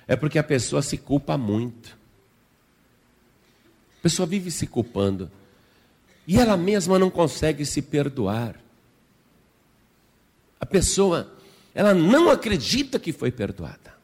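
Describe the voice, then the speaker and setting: Man, pastor, emphatic sermon, lively swooping pitch, echoing church reverb. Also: husky. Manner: emphatic, repetitive preaching with vivid storytelling.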